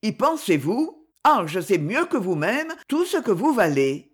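A woman reading a storybook voices an earnest, proud gentleman suitor, speaking tenderly in her own voice. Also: medium pitch, very animated, measured pace, husky.

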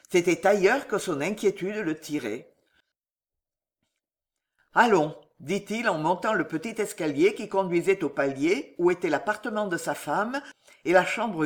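Expressive audiobook narrator, lively pitch. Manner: dramatic, slows down at tense moments. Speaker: audiobook reader.

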